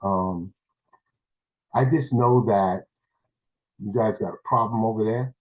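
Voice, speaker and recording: A man's voice: fairly low pitch, takes it slowly, darkish tone, low-quality recording. A man from New City, giving a rambling, blunt public comment over a video call as a parent. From New York City.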